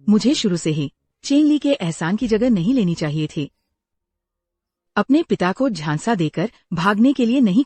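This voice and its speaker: A woman's voice: lowish voice, mellow. A woman voicing a remorseful imprisoned ex-wife in a dubbed drama, speaking in an emotional, pleading way.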